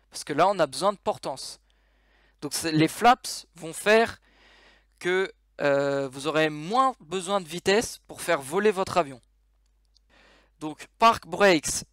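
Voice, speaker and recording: A man's voice: on the high side, no echo, studio quality. Hesitant French man explaining a game. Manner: hesitant, many fillers and restarts. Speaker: game tutorial maker. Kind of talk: casual screen-recorded tutorial.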